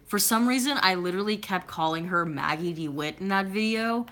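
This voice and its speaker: A woman's voice: medium pitch, fairly quick, a bit bright. A woman in her twenties chatting at home on a livestream, reading comments in a rambling way, with lots of fillers and silly sound effects. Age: 20s. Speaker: YouTuber reading live chat. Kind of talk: casual livestream chat.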